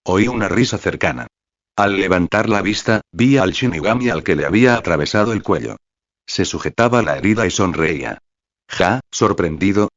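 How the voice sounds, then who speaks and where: A man reads a first-person fan-fiction novel aloud in a very deep voice. His delivery is even and steady, and the recording is dry and slightly dull, with little treble. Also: brisk, no echo. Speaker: novel reader. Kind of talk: scripted first-person fanfic narration.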